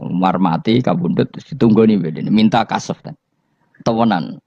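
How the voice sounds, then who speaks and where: A man's voice: fairly low pitch, normal speed, vocal fry, dark tone, slightly rough, dry recording. A man with a Javanese accent giving a religious lecture, telling stories with rhetorical questions and chuckles. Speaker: Islamic preacher. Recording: dull, lo-fi dry recording.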